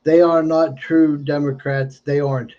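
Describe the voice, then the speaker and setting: Male livestream commentator, toothless and a little slurred, soft mellow tone, emphatic and repetitive, dull lo-fi sound. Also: on the high side, little pitch movement, measured pace. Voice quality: toothless, slightly slurred speech, learning to talk without teeth. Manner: emphatic, repeats phrases. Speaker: livestreamer giving political commentary. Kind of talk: unscripted political monologue. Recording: dull lo-fi stream audio.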